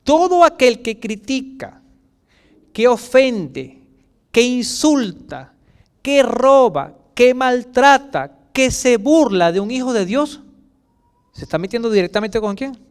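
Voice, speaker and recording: A man with a Chilean Spanish accent preaching a sermon as pastor, swinging between loud outbursts and soft asides and acting out quoted voices. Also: very high voice, expressive, takes it slowly, clear, resonant tone.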